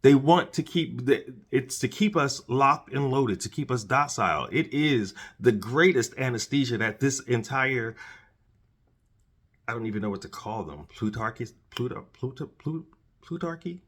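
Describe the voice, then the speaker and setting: On his solo commentary show, a podcast host speaks in a husky, medium-pitched voice at normal speed. The talk is earnest and preachy, marked by repeated and restarted words. He has a dry mouth with candy in it.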